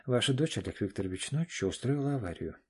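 A brisk, calm lawyer, as a man puts him on in an audiobook. He reports things in a matter-of-fact tone, a little higher than the reader's own. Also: slightly rough. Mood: businesslike. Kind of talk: audiobook reading.

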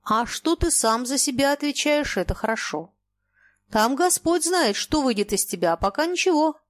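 A woman voicing a stern, bearded merchant father who talks bluntly and gruffly. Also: high-pitched, animated, moderate pace, no echo, voice pushed up. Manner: blunt, scolding then fatherly.

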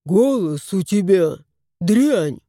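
A woman's voice: a little high, sing-song, takes it slowly, warm tone, no room sound, studio quality. Woman doing a grumpy bearded house spirit. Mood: grumbling. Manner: grumbling, old-fashioned speech. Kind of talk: audiobook character voice.

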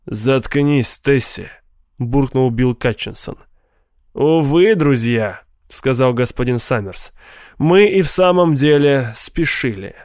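A man's voice: measured pace, darkish tone, no room sound, studio quality. A man reading a story aloud as an audiobook narrator, lifting his voice for the characters. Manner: voices characters with raised pitch.

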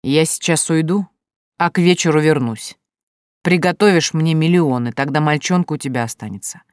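A reader voicing a rough, drunk, brutal man who threatens and snarls slowly and loudly in an audiobook. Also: mid-range voice, dry recording, clean studio sound, lightly acted. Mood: menacing. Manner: coarse, menacing, slow and loud. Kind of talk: audiobook character voice.

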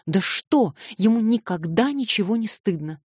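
A woman's voice: medium pitch, animated, moderate pace, a little mellow, breathy edge, no room sound, clean studio sound, voice pushed up. A woman voicing an indignant young woman who reproaches sharply, in an audiobook.

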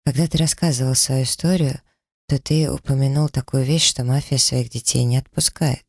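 A man's voice: medium pitch, fairly even intonation, moderate pace, gravelly, husky, no room sound, clean studio sound. A man voicing an earnest, clever young female student in an audiobook, reasoning things out aloud. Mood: thoughtful. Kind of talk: audiobook character reading.

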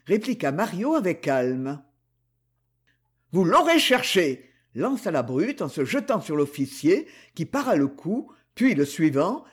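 Male audiobook narrator, high voice, husky, expressive delivery. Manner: expressive, dramatic reading. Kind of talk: scripted narration of a novel.

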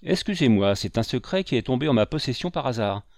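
A man's voice: mid-range voice, big pitch swings, quick pace, dry recording, studio quality. A man voicing a tense young schoolmaster in an audiobook, polite and guarded. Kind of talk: audiobook character voice.

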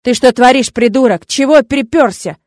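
A woman's voice: mid-range voice, moderate pace, a little mellow, no echo, clean studio sound, close to an everyday voice. A woman voicing a hot-tempered, protective young male student who snaps angrily. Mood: angry. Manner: snapping, angry.

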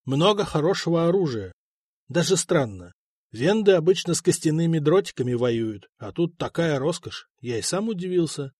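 A man's voice: fairly high pitch, expressive, normal speed, darkish tone, breathy edge, no room sound, clean studio sound. A man voicing a proud young prince who answers in a defiant, mocking way. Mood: puzzled, reporting.

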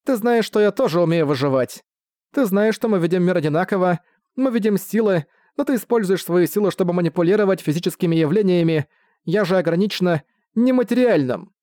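Brief: man putting on a high, pleading, manipulative woman villain for an audiobook; persuasive and urgent. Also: animated, a little fast, a little mellow, no echo, studio quality. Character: manipulative, desperate female villain, charming. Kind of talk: audiobook reading.

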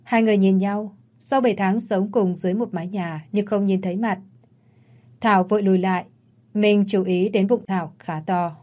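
A woman narrating a scripted audio story in a steady storytelling manner. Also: medium pitch, normal speed.

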